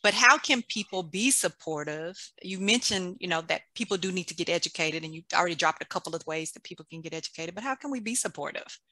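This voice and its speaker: A woman's voice: lowish voice, expressive, fast, hardly any pauses, bright, forceful tone, low-quality recording. A woman hosting an interview, affirming her guest with frequent murmured agreement. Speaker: host. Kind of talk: interview conversation.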